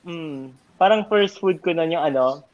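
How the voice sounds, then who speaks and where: A man's voice: on the high side, a little slow, darkish tone. A young man chatting casually with friends, telling rambling anecdotes full of fillers and laughs. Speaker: storyteller among college friends. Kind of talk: casual chat. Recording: dull lo-fi recording.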